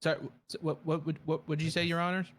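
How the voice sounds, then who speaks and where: A man with a rather high, sharp-edged voice plays a prosecutor in an improvised trial. He is formal, though his phrasing stumbles a little. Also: level tone, fast talker. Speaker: prosecutor in a role-play court. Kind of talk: improvised courtroom role-play.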